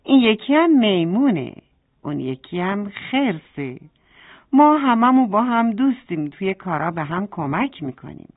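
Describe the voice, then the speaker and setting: A woman voicing a playful, friendly rabbit in a bedtime story, chatty and lively. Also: mid-range voice. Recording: tinny phone-like sound.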